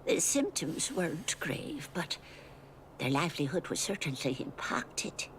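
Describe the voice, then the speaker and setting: A woman voicing a game character, a mother sadly recounting a family's tragedy in soft, sorrowful dialogue. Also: low voice, sing-song, unhurried, slight background noise, heavily acted. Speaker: game character, a mother telling a sad story.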